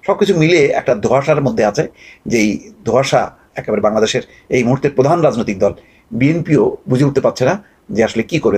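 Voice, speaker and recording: A man giving a measured, steady news report. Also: mid-range voice, husky.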